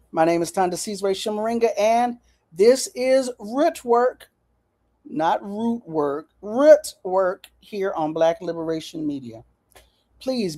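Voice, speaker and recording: Lively folksy woman host, mellow voice. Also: mid-range voice. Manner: folksy, lively, talks straight to viewers. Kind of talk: casual chat to viewers.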